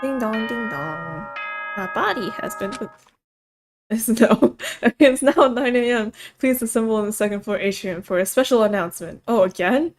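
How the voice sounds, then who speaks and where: A woman casually narrating a visual novel and reading its characters aloud, with playful, excitable reactions. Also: on the high side, normal speed, soft background music.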